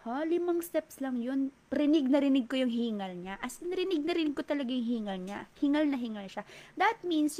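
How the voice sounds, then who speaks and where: A woman with a Filipino accent and a fairly high voice, speaking as a fitness trainer to an audience. She talks politely and keeps checking in with rhetorical questions. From Philippines. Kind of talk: talk to an audience.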